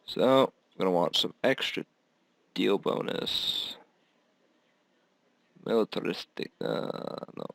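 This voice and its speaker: A man's voice: lowish voice, takes it slowly, vocal fry, pauses often, a bit bright, no echo. A man giving rambling, casual commentary on his own strategy game, swearing often and laughing at himself.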